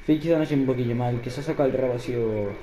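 A man's voice: mid-range voice, rapid-fire, mellow, slight background noise. A man with a Spain Spanish accent chatting casually and exclaiming while he comments on a video game. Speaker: gameplay commentator. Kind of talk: casual chat over gameplay.

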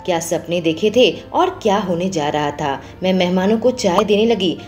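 A woman reading a first-person story aloud as the channel's storyteller, with expressive delivery. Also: moderate pace, soft background music. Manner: expressive, voices quoted lines with lifted pitch.

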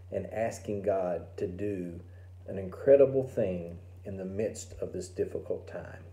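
A man's voice: fairly low pitch, dark tone, echoey room. A man in his forties, a pastor, reading scripture and praying in an earnest, reverent way, filmed on a phone at home. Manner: earnest, prayerful, slow reverent phrasing. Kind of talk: devotional reading and prayer. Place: home room by a window. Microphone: phone camera at arm's length.

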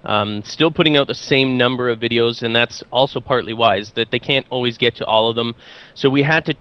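A man's voice: mid-range voice, a little fast, smooth, highs cut off. A man co-hosting a casual channel update over a call, upbeat and rambling with restarts. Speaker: channel co-host. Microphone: remote call audio.

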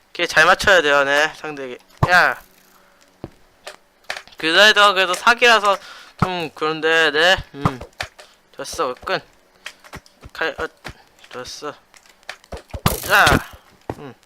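A young man hosting a gaming channel, explaining a block-building PvP match in chatty commentary, adding "yes" after nearly every phrase and shouting during fights. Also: fairly high pitch, unhurried, long pauses, background noise.

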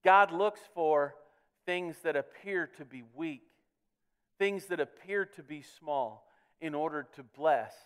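A man's voice: on the high side, slow pace, clear, resonant tone. A pastor preaching a sermon in church, earnest, often repeating words as he builds to his points. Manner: earnest preaching with frequent word repeats, swelling on key words. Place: church sanctuary.

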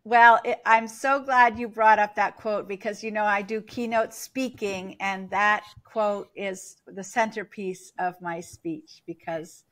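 A woman's voice: mid-range voice, fairly even intonation, measured pace, hardly any pauses, fairly bright tone. A middle-aged woman, hosting a podcast interview over a video call from her office. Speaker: podcast host. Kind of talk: casual interview chat. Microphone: video call webcam.

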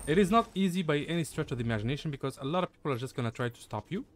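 This young man is a gaming guide creator walking his viewers through a video game in a casual, chatty way, calling them "guys" and using lots of fillers. His voice is on the high side, animated and rapid-fire, with slight background noise.

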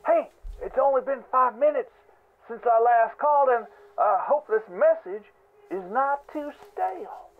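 A man leaving a voicemail over a landline phone, rambling excitedly in a play-by-play with exclamations and stammered restarts. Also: very high-pitched, measured pace. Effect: heard over a landline phone as a played voicemail. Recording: tinny phone line with faint hiss.

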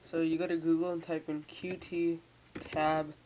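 A teenage software tutorial maker gives a casual, unscripted walkthrough at a computer indoors, with a flat delivery in a mid-range voice at normal speed. He stumbles and repeats words, his speech slightly hampered by a sore from tightened braces. The home microphone is noisy and hissy.

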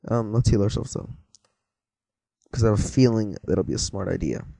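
With a creaky, dark, fairly low voice at normal speed, this teenage gamer offers offhand, rambling let's-play commentary. He's quick to get startled and likes joking with viewers. No echo is present.

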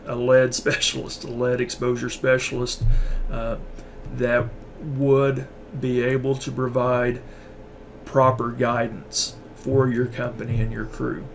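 A man giving a recorded university lecture on workplace safety. He talks haltingly, with many fillers and restarts, and he sounds tired and a little out of breath. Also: medium pitch, monotone, gravelly, a little hiss or hum.

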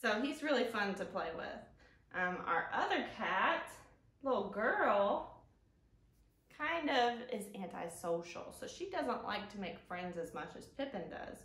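A woman in her thirties, a library storytime host, reads to young viewers from a couch in a living room, her mid-range voice gentle, sing-song, drawn-out and very animated. The camera sits a few feet away, so the sound carries a roomy echo.

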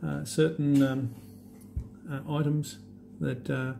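A man walking through an app demo in a relaxed, halting way with many fillers. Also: on the high side, gravelly, faint music behind. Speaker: app demonstrator. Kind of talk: unscripted screen demo walkthrough.

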